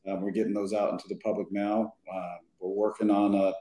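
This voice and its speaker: Podcast guest, man, deep mellow voice, roomy echo, quick filler-heavy chat. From Southern California. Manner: lively, quick bursts with many fillers. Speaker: podcast guest, detailer and product maker. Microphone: remote podcast call.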